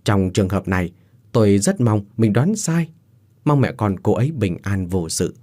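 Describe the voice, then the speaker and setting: A man voicing a calm older spiritual master who gently reassures in an audio story. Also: lowish voice. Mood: reassuring. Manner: reassuring, measured.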